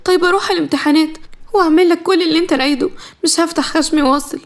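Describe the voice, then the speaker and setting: A woman's voice: sits high, racing. A woman voicing a young captive bride, pleading through tears. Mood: pleading tearful. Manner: tearful, pleading.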